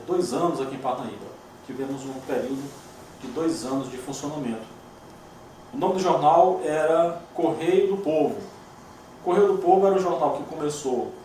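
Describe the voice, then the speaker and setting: A man's voice: mid-range voice, a little mellow, a little hiss or hum. Man speaking from far off in an echoey room. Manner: measured, reflective recollection. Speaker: journalist and lawyer. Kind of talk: documentary interview testimony. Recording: very echoey room, distant mic.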